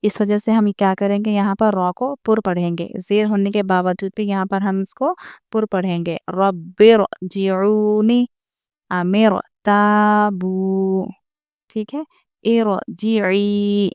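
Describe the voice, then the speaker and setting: Very clear-voiced woman teaching recitation. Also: medium pitch, normal speed, mellow, dry recording. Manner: patient step-by-step explaining, repeating each point; addresses viewers directly. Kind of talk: online recitation lesson.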